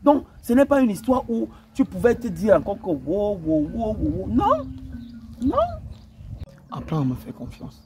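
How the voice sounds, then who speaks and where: A man's voice: high-pitched, sing-song, measured pace, long pauses, very noisy. A man playing a young boyfriend accused of cheating, talking defensively and pleading, with faint music underneath.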